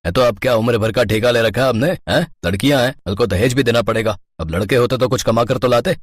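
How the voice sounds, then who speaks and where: A woman voicing a harsh, scornful middle-aged uncle in a cartoon story, her voice pitched far down. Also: fast talker, breathy edge, dry recording, clean studio sound.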